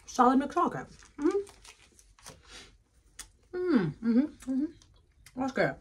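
A woman's voice: sits high, sing-song, slow pace, breathy edge. Chatty woman tasting snacks on camera. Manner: chatty, eating while talking, mouth full. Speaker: food vlogger. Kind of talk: casual food tasting chat.

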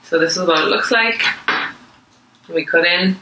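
A woman's voice: lowish voice, measured pace, noisy background. A woman in her thirties with an Irish accent, chatting informally through a home cooking demo and talking to her toddler between explanations. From Ireland. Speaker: chef. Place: home dining room, indoors. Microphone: camera across the table. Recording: echoey room from a distance.

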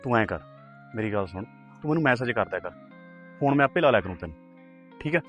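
A fast-talking, anxious young man, played by an actor, who sounds timid and worried and keeps hesitating, with faint guitar music under him. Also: medium pitch, lively intonation, a bit bright, natural voice. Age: young adult. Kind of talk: short film dialogue.

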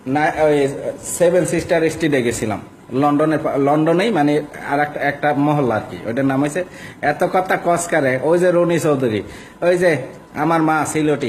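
A man's voice: a little high, normal speed, slight background noise, poor audio. A young man with a Barishal Bengali accent, ranting as a vlogger in a coarse, mocking and insulting way. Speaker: social media vlogger. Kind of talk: ranting monologue.

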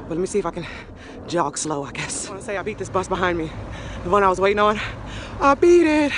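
A fast-talking young beauty vlogger with a medium-pitched, lively voice chats casually over a noisy background. Upbeat and slangy, she films on a phone camera held close, first in a small room at home, then on a city street and in a gym.

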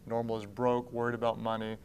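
On a TV studio set hung with blue drapes, a pastor in his thirties who founded a church talks as an interview guest. His fairly low, slightly mellow voice moves quickly with a completely flat delivery, and slight background noise is audible. Earnest, he uses both hands to gesture and frequently starts sentences over.

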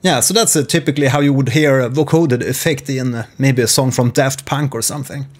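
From a compact home studio, this forties-aged man shares his screen to teach music software in a relaxed, steady way. His voice sits at a medium pitch.

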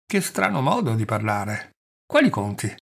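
A man voicing a haughty, scornful gentleman. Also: on the low side, sing-song, moderate pace, gravelly, slightly rough, exaggerated voice. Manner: cold and disdainful. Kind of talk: audiobook character reading.

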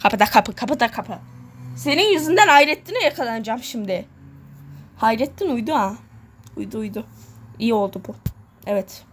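A gamer vlogger chats casually during a let's-play, her fairly high voice expressive at a normal speed with long pauses. She rambles, jokes at her own expense, and repeats the same words again and again. A little hiss or hum sits under the recording.

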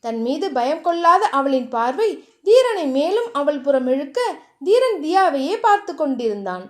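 A woman narrating a romance novel chapter in a steady storytelling manner. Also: high-pitched, normal speed. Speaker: audiobook narrator.

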